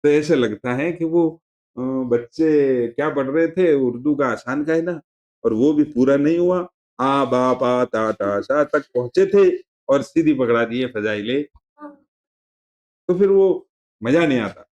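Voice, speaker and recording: Man teaching a relaxed religious lesson. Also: medium pitch, measured pace. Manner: conversational, digressive, explaining terms with repetition. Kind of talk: classroom lesson.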